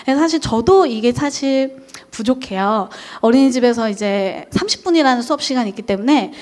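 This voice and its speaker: A woman's voice: fairly high pitch, expressive, fairly quick, a little mellow. A young woman who teaches at a daycare, lecturing parents on how to talk with children and acting out quoted parent and child lines. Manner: frequent "어" fillers, talks straight to parents.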